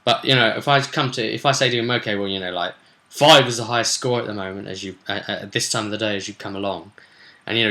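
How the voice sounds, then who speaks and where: In a casual vlog recounting his game sessions, a British man speaks in a lowish register with a bright, forceful tone. As game master, he explains in a loose, colloquial way that rambles and keeps stopping and restarting.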